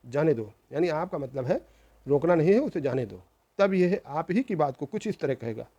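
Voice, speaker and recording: Earnest storytelling man, mellow voice. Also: a little high, highs cut off. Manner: earnest, reproachful, with repetitions. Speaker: channel host. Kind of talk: moralizing storytelling.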